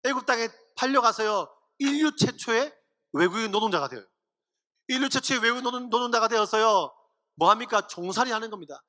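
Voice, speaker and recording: A man preaching to teenagers, telling a story in an animated way and acting out the people in it. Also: extremely high pitch, a little fast, long reverb tail. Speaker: pastor. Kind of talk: youth sermon.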